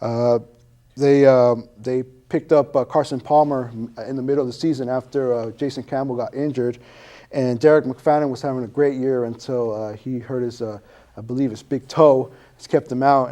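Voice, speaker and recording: Hesitant man with a mellow voice. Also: medium pitch, steady tone, moderate pace. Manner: hesitant, many uh fillers. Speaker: sports show co-host. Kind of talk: casual sports recap.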